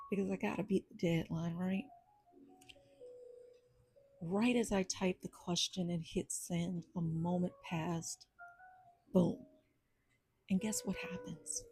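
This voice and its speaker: A woman hosting a podcast, telling a personal story in an animated, sassy way with churchy asides. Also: on the low side, slightly rough, rough recording. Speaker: podcast host. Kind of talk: storytelling monologue. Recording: soft jazz music behind.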